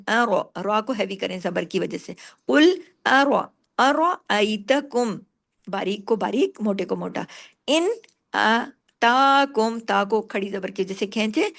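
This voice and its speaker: High-voiced woman teaching recitation rules. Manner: patient, explanatory, asks and answers her own questions; slows down sharply to recite words. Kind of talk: tajweed lesson, explaining and reciting.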